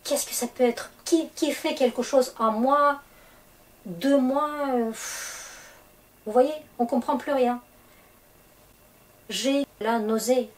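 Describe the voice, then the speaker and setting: Slow, patient woman teaching a language. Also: sits high, poor audio. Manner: slow, patient explaining with frequent hesitations. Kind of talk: explaining grammar to French learners.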